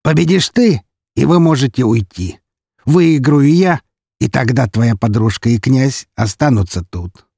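A man's voice: medium pitch, unhurried, gravelly, husky, dry recording, clean studio sound, pitched above the performer's own voice, heavily acted. A man voicing a scarred, cunning count with a mocking, gleeful manner. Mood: sly. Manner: mocking, gleeful, raised lively delivery.

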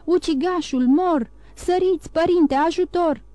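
A woman's voice: high-pitched, warm tone, no echo, natural voice. A woman voicing a dying, wounded male ex-convict who pleads and gasps for help, in an audiobook reading. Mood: desperate. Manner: pleading, gasping cries for help.

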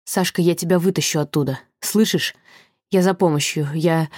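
Casting: woman narrator voicing a strained young man in a hurry, lower, dark tone. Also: fairly even intonation, normal speed, no room sound, clean studio sound. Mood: urgent. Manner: urgent, strained. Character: tense young man trying to rescue her.

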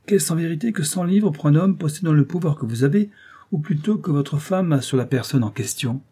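A man reading an audiobook aloud, voicing a courteous, precise young gentleman lawyer with a husky, mellow voice. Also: a little high, fairly quick, voice pushed up. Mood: polite.

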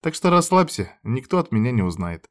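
A man's voice: mid-range voice, sing-song, brisk, natural voice. A man voicing a teasing, sly young blonde woman who drawls her mocking lines in a raised voice.

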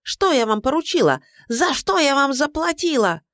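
A shrill, bossy middle-aged mother-in-law, as a woman reader puts her on, her voice pitched high above the narration and swinging sharply as she scolds. She sounds indignant and scheming, pushing hard at everyone, in a close, dry audiobook reading. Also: big pitch swings, moderate pace, dry recording. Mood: furious. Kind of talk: audiobook character voice.

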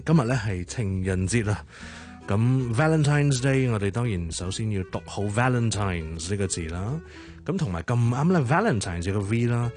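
A man's voice: fairly low pitch, lively intonation, moderate pace, darkish tone. Playful man drilling English over music. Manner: playful, drills words by repetition. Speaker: English teacher segment host. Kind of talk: radio language tip segment.

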